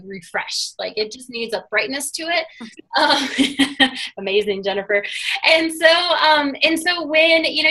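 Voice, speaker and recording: A woman chatting on a video call, gushing about products in a casual sales pitch with lots of fillers. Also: pushed and bright, low-quality recording. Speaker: product presenter.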